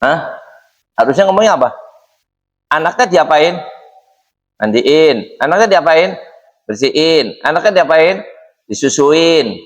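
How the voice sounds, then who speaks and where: Lively high-voiced preacher, echoey hall. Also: male voice, measured pace, long pauses. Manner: lively, questioning the audience in a teasing way. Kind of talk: mosque study sermon. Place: mosque hall. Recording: echoey mosque hall reverb.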